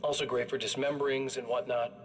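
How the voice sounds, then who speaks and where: A man's voice: medium pitch, flat delivery, brisk, slight background noise, close to an everyday voice. Man acting smug, folksy killer with weapons. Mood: smug, casual. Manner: folksy, menacing, casually pleased with himself. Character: chatty male killer proudly showing off his weapons. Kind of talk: scripted video game acting, sales-pitch monologue.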